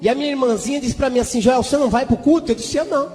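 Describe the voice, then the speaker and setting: Man, very high voice, fervent sing-song testimony preaching, long hall reverb. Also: very fast, mellow, faint music behind. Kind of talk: testimony sermon.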